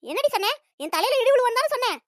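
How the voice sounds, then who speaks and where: A woman doing a shrill bossy old mother-in-law. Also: lively intonation, racing, a bit bright, dry recording, clean studio sound. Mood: scolding. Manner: shrill nagging, sly. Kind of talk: cartoon comedy voice acting.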